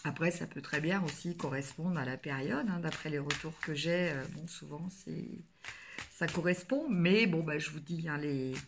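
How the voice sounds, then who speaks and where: A woman's voice: low voice, moderate pace, background noise. A woman from France reading tarot cards for her viewers, in a casual, hesitant way, full of fillers and restarts. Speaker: tarot card reader.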